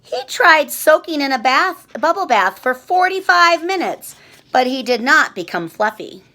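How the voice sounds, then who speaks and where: A woman reading a children's picture book aloud, slow and expressive. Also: sits high. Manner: slow, expressive, sing-song. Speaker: storyteller.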